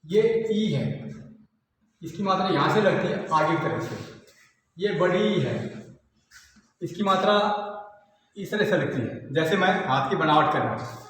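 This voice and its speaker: A man's voice: fairly high pitch, animated, unhurried, long pauses, a bit bright, a little hiss or hum. A man giving a patient classroom lesson and explaining step by step with repeated examples. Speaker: teacher. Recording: echoey hall, voice from far off.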